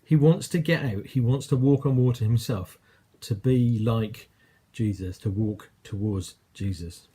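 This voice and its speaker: A man's voice: mid-range voice, a little slow, few pauses, mellow, slightly rough. A man with an English accent preaching a sermon, telling a story in a conversational way and acting out quoted lines.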